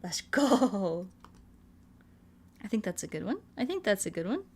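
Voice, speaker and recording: Singing chat's requests on her livestream, this woman rambles playfully and loops her phrases back in a singsong lilt. She has a mid-range, slightly mellow voice with a breathy edge, big pitch swings and an unhurried pace.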